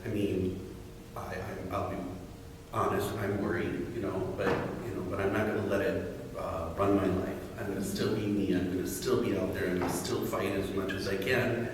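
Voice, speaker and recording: A man speaking candidly and a bit haltingly as a drag performer on a panel. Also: deep voice, level tone. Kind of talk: panel discussion answers. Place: large reverberant room. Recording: very echoey hall, distant mic, faint noise.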